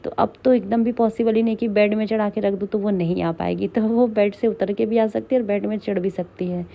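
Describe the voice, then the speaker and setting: A young woman narrates her vlog in a loose, chatty voice-over. Her voice is slightly hoarse and very warm and dark. She speaks with little rise and fall and sounds worn out. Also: mid-range voice. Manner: chatty, rambling, tired. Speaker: vlogger.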